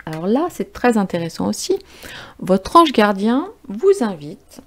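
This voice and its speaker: A woman's voice: medium pitch, sing-song, unhurried. A woman giving a casual spiritual card reading to her viewers, chatty and informal, with frequent fillers and self-corrections. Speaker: tarot and oracle card reader.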